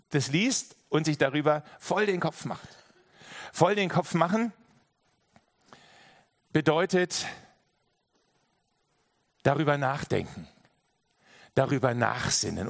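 Earnest preacher man, fairly high voice. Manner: earnest, direct address with many repeated phrases. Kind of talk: sermon.

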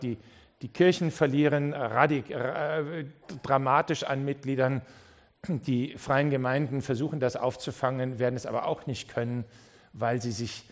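In a church, a man preaches a sermon, swinging between quiet, low passages and loud, rising appeals. He frequently repeats words and starts his sentences over.

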